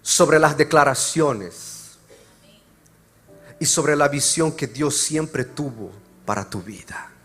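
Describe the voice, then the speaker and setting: Man, pastor, church sermon, fairly high voice, loud then hushed delivery, faint music behind. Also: husky. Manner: swings from loud preaching to quiet, slow explanation. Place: church service.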